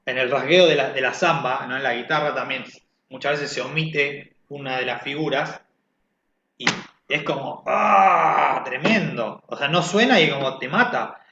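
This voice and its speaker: Bright-voiced man teaching music, echoey. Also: mid-range voice, moderate pace, a little hiss or hum. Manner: conversational, asks "¿sí?" to check understanding. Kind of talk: online class explanation. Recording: echoey, dull lo-fi sound.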